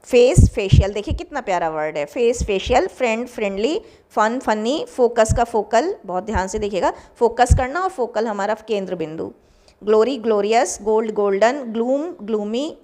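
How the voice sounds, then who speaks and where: A woman's voice: a little high, animated, moderate pace, darkish tone. A young adult woman with an Indian accent, teaching vocabulary and reading out word pairs with encouraging asides. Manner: reads word pairs aloud, gives Hindi meanings. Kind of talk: vocabulary lecture.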